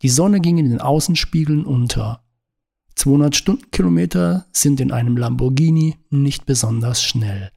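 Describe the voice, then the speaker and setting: A man reading a novel aloud in calm, measured narration. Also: medium pitch, vocal fry. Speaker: audiobook reader. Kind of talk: scripted narration.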